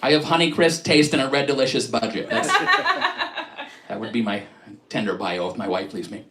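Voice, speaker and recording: A middle-aged man doing a self-deprecating stand-up set on a live stream, jumping into quick bits where he acts out shoppers and clerks. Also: medium pitch, wildly swooping pitch, bright, forceful tone, roomy sound. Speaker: stand-up comedian.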